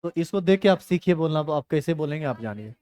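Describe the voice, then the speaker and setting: This chemistry teacher talks fast and animatedly in a fairly high, dark-toned voice. In his classroom lecture he scolds and teases students using a rustic Hindi dialect.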